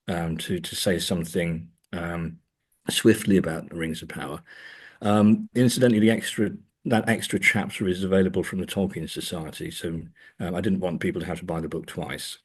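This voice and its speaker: A man with a deep, husky voice speaks as an academic guest in a wandering interview. He sounds hesitant, often repeating words while he thinks things through.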